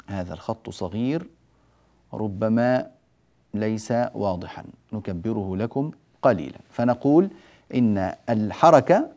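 A man teaching Quran recitation rules in a recorded lesson, who explains patiently, asks and answers his own questions, and draws out quoted words slowly. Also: medium pitch, warm tone.

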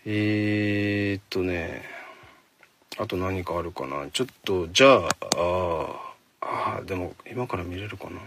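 A man hosting a casual solo talk show from inside a parked car, speaking quickly and chattily into a handheld phone and jokingly scolding his listeners. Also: low-pitched, fairly bright tone, slight background noise. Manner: fast-talking, chatty, mock-scolding listeners. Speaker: radio show host. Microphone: phone held in hand.

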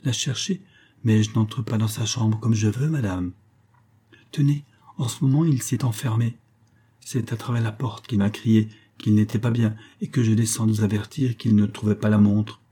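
A man's voice: fairly low pitch, steady tone, moderate pace, mellow, breathy edge. A man voicing a poor, devoted old woman who pleads anxiously, for an audiobook. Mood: flustered.

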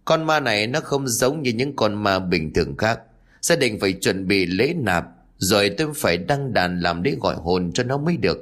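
A man voicing a stern old male village exorcist who speaks in a gruff, commanding way. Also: fairly low pitch, lively intonation, normal speed, a bit bright.

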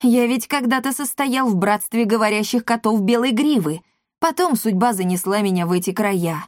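A woman's voice: fairly high pitch, normal speed, no room sound, clean studio sound, natural voice. Woman doing a hissing grey tomcat. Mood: menacing. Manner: hissing, menacing. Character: stern grey striped male cat, suspicious.

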